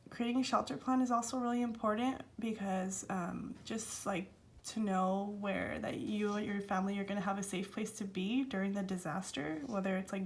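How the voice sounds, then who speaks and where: A young adult woman giving a scripted student presentation with informal, somewhat hesitant asides. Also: mid-range voice.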